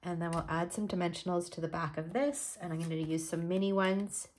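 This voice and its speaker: In a crafting tutorial, a woman from Canada explains her card-making project step by step while working, slightly congested from a cold. Her voice is on the low side and a little mellow, and she talks fairly quickly over slight background noise.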